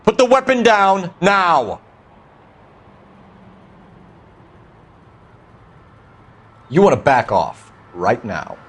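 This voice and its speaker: An actor playing a stern 1940s Los Angeles beat cop and war veteran, with an American accent and a clipped, guarded, commanding manner. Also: male voice, on the low side, sing-song, moderate pace, fairly bright tone, breathy edge, exaggerated voice. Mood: urgent, commanding. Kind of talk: period police drama game acting.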